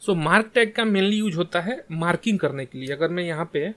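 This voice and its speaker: Man, coding tutor, slightly high-pitched voice, plain step-by-step explaining, voice-over on a screen recording. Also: expressive, a little fast, a bit bright. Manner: plain explaining, Hindi mixed with English terms, frequent "ठीक है" checks. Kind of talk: screen-share coding lesson.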